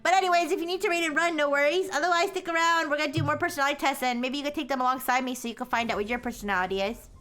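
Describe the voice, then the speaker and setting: A woman with a high-pitched, bright voice hosts a casual livestream. She talks in a cute, bubbly anime-streamer way, giggly and sing-song, speaking straight to her viewers. Faint music sits behind her. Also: steady tone, racing, few pauses. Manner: giggly, playful. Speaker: livestreamer hosting personality tests.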